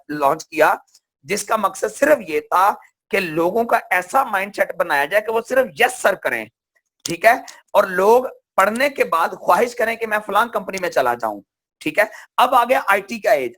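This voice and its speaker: A man's voice: high-pitched, sharp tone. A man from Pakistan giving a motivational seminar talk, asking questions and answering them himself. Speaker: seminar speaker.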